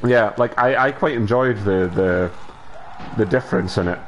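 A man chatting casually while playing a co-op video game, with a hesitant, low-key way of talking. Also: normal speed, slight background noise. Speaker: gamer playing co-op. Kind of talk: casual gameplay chat.

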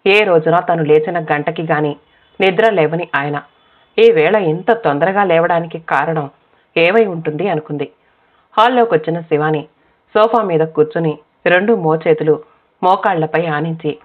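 A woman's voice: low voice, moderate pace. Woman narrating a story over tinny audio. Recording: tinny phone-like sound.

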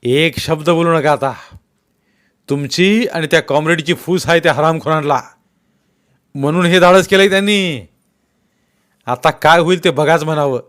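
A man playing a furious, shouting village headman. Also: fairly high pitch, moderate pace, long pauses, pitched above the performer's own voice, lightly acted. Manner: shouting, threatening.

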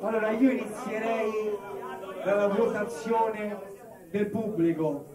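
High-voiced man co-hosting in echoey club. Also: steady tone, slow pace. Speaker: rap battle co-host. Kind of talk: live event hosting. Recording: echoey club, far from mic, noisy crowd. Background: club crowd.

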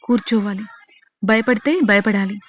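A woman's voice: medium pitch, steady tone, normal speed, lightly acted. A woman voicing a determined young woman who protects her sister and stands up to a villain, in a dull lo-fi recording. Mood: defiant. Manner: firm, defiant.

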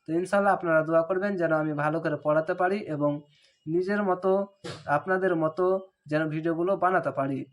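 A man's voice: a little high, steady tone. Man chanting syllables in a recitation lesson. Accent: Bangladeshi Bengali. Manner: spells out syllables slowly, then chants the words. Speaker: Quran reading teacher.

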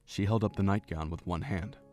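A man narrates the story in a somewhat low, measured voice with an even, steady delivery. Soft music plays faintly beneath him.

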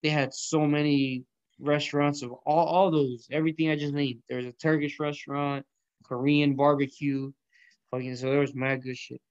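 In a muffled recording without echo, a young man from Colombia speaks in a slightly high, flat voice at a normal speed. He's hosting an online audio room from a small indoor room, casually discussing food and math in laid-back slang packed with profanity, "bro," and "yo."

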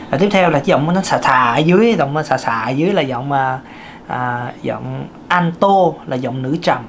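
In a creaky, thin, light voice, a man teaches singing casually, chatting with plenty of fillers and jumping suddenly in pitch. A little hiss or hum can be heard.

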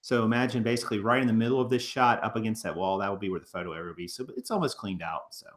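A man's voice: fairly low pitch, very fast. Thirties male co-host, casual and rambling, restarts often, recorded on a home webcam. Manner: rambling, many fillers and restarts. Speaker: co-host of a reselling channel. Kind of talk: casual chat over photos. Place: living room, on a couch.

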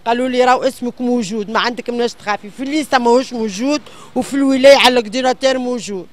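A woman's voice: a little high, racing. An older woman with a Tunisian accent, pleading and complaining in an agitated, insistent way in a street interview, repeating her phrases. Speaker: member of the public interviewed in the street. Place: outdoors on a city pavement. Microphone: handheld reporter microphone held close.

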